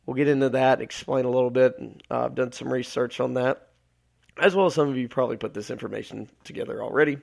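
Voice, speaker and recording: Guy hosting his podcast alone, voice going raspy and tired, rambles with lots of uhs, gravelly. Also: medium pitch, fairly even intonation, fast talker. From Alabama. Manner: rambling with many filler words. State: losing his voice. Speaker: podcast host. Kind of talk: solo live podcast talk.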